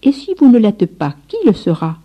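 A woman's voice: medium pitch, sing-song, normal speed, voice pushed up. A woman reading aloud and voicing a group of grieving friars who lament, on a slightly muffled recording.

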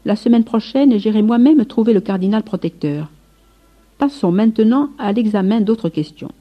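A woman's voice: mid-range voice, lively intonation, moderate pace, pitched above the performer's own voice, natural voice. A woman reading aloud and voicing a commanding, shrewd male friar leader, on a slightly muffled recording.

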